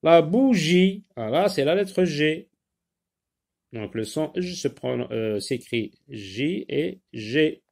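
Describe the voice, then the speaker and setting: An animated man with a mid-range voice and vocal fry slowly works through a French spelling lesson, stressing each dictated word and spelling it out letter by letter. He talks directly to the pupils and their parents.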